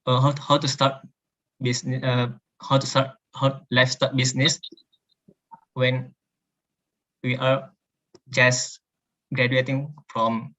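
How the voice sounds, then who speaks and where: A man asking formal questions politely and deliberately, phrase by phrase. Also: medium pitch, level tone, fairly bright tone. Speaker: webinar participant asking questions. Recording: dull online call audio.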